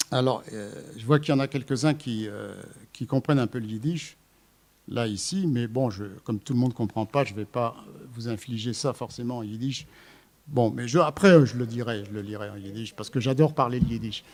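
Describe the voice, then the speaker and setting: A man's voice: medium pitch, a little mellow. A man giving an academic lecture to a live audience, thinking aloud and often restarting his sentences. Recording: long reverb of a lecture hall.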